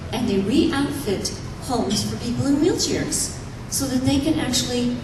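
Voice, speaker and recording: A woman who writes for a newspaper gives a casual talk in an event room, chatting through anecdotes to the audience and laughing often. Her voice is low and her pace measured. The recording is echoey, noisy, and captured from a distance.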